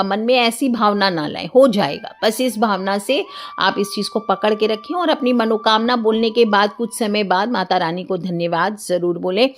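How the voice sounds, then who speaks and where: A woman speaking with a calm, instructive manner, walking listeners through a ritual step by step. She repeats each affirmation slowly and gently. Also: mid-range voice. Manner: calm and instructive, softly repeats affirmations, drops to a whisper in demonstrations. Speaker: spiritual remedy teacher. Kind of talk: instructional talk.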